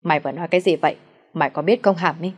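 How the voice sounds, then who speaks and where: A woman with a low voice reading the lines of a stern, quick-tempered middle-aged father who rebukes his son. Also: slightly rough. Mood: enraged.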